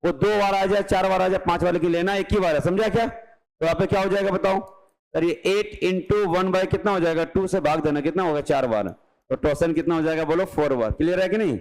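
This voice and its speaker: Brisk high-voiced Indian math tutor man. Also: rough recording. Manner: brisk, coaxing, acts out students' questions. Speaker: math teacher. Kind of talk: exam-prep math lecture.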